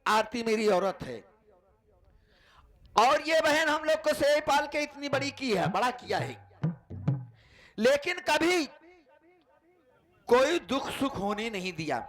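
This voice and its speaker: A man's voice: very high-pitched, very animated, slow pace, long pauses, a bit bright, exaggerated voice. A man playing a betrayed, vengeful husband in a folk stage play, declaiming to the audience. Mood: grieving.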